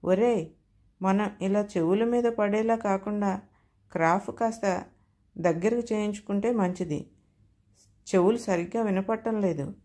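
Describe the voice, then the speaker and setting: A woman's voice: mid-range voice, a little slow, long pauses, natural voice. Woman voicing an eager young bachelor. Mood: hushed. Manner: hushed, whispering in the ear. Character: young male bachelor friend, eager and girl-crazy.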